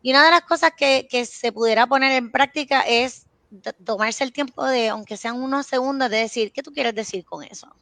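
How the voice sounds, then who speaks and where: A woman's voice: high-pitched, fairly quick, sharp tone, no echo. A Puerto Rican woman, a child psychiatrist, explaining in a casual interview and illustrating her points with everyday stories. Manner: explains with everyday anecdotes and acted quotes.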